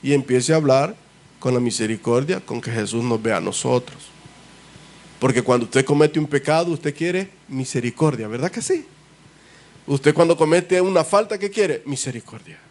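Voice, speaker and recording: A pastor from El Salvador preaches a sermon in church, addressing his congregation emphatically and posing rhetorical questions. His voice is medium-pitched and his pace moderate.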